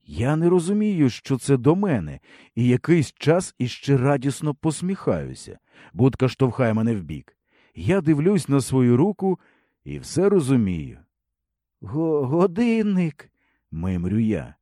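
Expressive male audiobook narrator, mellow. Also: mid-range voice, unhurried, dry recording, clean studio sound. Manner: expressive, comic storytelling. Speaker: audiobook reader. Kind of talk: scripted storybook narration.

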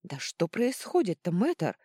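A bossy matron bellows at the top of her lungs, as a woman voices her in an audiobook. Her shouts climb and swing in pitch. The recording is dry and close. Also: very animated, a little slow, husky, no echo, full character voice. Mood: yelling.

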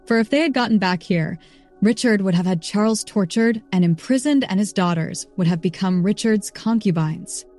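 A meek serving woman from a castle answers in a deferential, mid-pitched voice, as a woman reads her part. This is a storybook reading with faint music in the background. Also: moderate pace, a little mellow, close to an everyday voice.

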